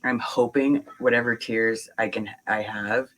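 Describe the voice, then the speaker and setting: A woman's voice: very deep voice, fairly even intonation, unhurried, fairly bright tone, rough recording. Sex: woman. Role: podcast guest. Style: casual chat. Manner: candid, emotional, jokey, swears at times.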